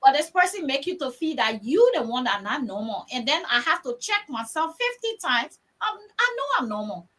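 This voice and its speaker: Liberian lady moderating a panel, high bright voice, tells stories with lots of emphasis. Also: very animated, normal speed, few pauses, poor audio. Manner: emphatic, storytelling, repeats words for stress. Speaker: discussion moderator. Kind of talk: panel discussion.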